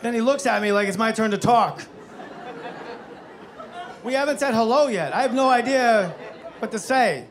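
A man doing stand-up comedy, telling a story in an animated, incredulous way with swearing, recorded live with noise behind him. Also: extremely high pitch, moderate pace, long pauses, a faint crowd.

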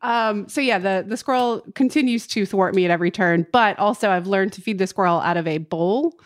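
A woman co-hosting a podcast, chatting casually and telling expressive stories. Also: mid-range voice, fairly quick. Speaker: podcast co-host. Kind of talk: casual chat.

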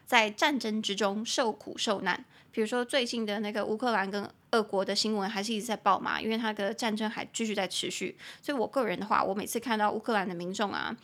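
A young woman hosting a casual podcast lesson, chatting in a relaxed way and slowing down to model and spell English phrases. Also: mid-range voice. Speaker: podcast host teaching English.

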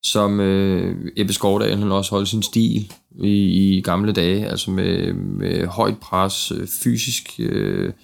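A man's voice: sits low, level tone, gravelly, few pauses. A man in a casual football discussion, hesitating and repeating words as he thinks aloud. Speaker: football podcast panelist.

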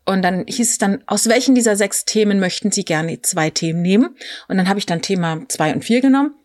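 Frau erzählt lebhaft, trockener Raum. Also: female voice, medium pitch, brisk, dry recording, clean studio sound. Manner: animated storytelling with many fillers and quoted voices. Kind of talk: casual conversation, personal anecdote.

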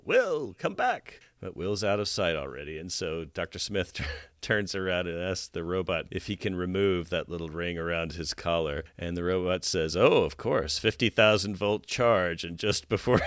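Deep-voiced man chuckling through a show recap. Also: sharp tone, no room sound. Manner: chuckling, retelling the plot in detail. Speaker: podcast host. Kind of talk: casual chat recapping a TV episode.

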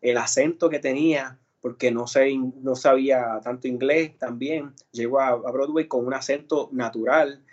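A Puerto Rican actor and singer tells his story in a casual interview full of fillers and restarts, speaking with a Puerto Rican Spanish accent. His mid-range voice is a little mellow, with fairly even intonation, a moderate pace and few pauses. The audio is dull.

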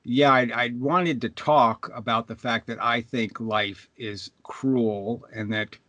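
A man's voice: mid-range voice, fairly even intonation, slow pace, sharp tone, no echo, muffled recording. Heated, indignant man arguing his point. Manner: heated, indignant, emphatic, swearing. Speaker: interview guest, video commentator. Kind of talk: opinionated argumentative talk.

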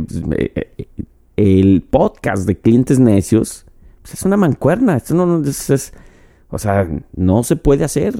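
A man with a Mexican accent and a low, mellow voice hosts a casual solo podcast monologue. He rambles and jokes with profanity, drinking mezcal as he talks.

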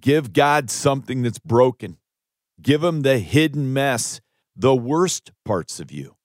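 Speaking slowly and expressively in a mid-range voice, an American pastor and author in his fifties narrates his own audiobook. The close studio mic captures clean studio sound without room sound, and his style is earnest, emphatic, and preacher-like.

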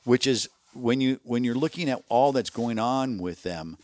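A man's voice: medium pitch, normal speed, a little mellow, no echo. A man co-hosting a podcast, chatting casually about football with frequent agreeing asides. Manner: agreeable, frequent short backchannels and chuckles. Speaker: podcast co-host. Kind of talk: casual sports chat.

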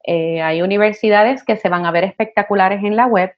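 A woman, a counselor talking as a podcast guest, passionate and animated, with many fillers. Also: medium pitch, moderate pace. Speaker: guest, college admissions counselor. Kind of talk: conversational podcast interview. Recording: slightly dull podcast audio.

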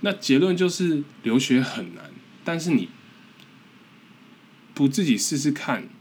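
A man's voice: fairly high pitch, big pitch swings, measured pace, a little mellow, slight background noise. A man in his twenties from Taiwan with a Taiwanese Mandarin accent, hosting a casual podcast monologue in an earnest, encouraging, self-deprecating way. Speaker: podcast host.

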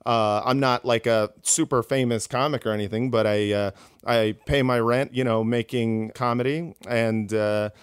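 Man, comedian guest, casual rambling, smooth clear voice, dry sound. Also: mid-range voice, fairly even intonation, normal speed, no room sound. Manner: rambling, many fillers and restarts. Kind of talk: casual interview talk.

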